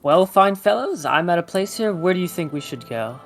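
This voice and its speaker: A man playing a tabletop game, chatting casually and playfully in halting phrases. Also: high-pitched, animated, faint music behind.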